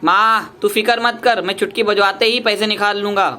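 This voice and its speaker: A woman doing a brash young son, loud. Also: medium pitch, fairly even intonation, normal speed, slight background noise, close to an everyday voice. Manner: loud, blunt, clipped. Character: boastful obedient young husband. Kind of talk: puppet play performance.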